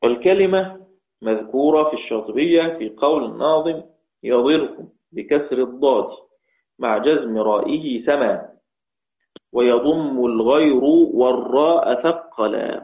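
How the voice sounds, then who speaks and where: A man with an Egyptian accent teaching the variant Quran readings, repeating each phrase and chanting the quoted verses slowly. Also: medium pitch. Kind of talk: religious lesson explaining readings. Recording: echoey, tinny phone-like sound.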